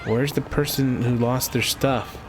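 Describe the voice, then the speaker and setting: A man's voice: medium pitch, fairly even intonation, measured pace, over music. A man giving casual, joking commentary while playing a video game, often breaking into laughter.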